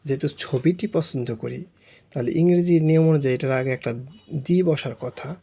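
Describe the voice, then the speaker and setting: A man's voice: mid-range voice, a little fast, creaky, warm tone, husky. A Bengali-speaking man teaching French grammar, explaining it step by step with patient repetition and spelling words out letter by letter.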